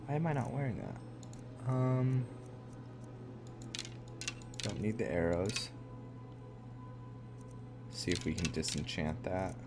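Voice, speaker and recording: A man hosting a gaming video gives casual, hesitant commentary, thinking aloud as he plays. His deep voice is animated but slow, with long pauses, and his close commentary sits over background music in a noisy setting.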